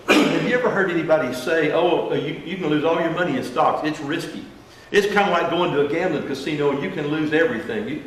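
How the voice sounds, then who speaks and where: A folksy financial advisor teaches a seminar as a classroom presentation, speaking emphatically and asking the audience questions. His voice is a little high. A distant room mic picks him up in a large echoey room, with faint hiss.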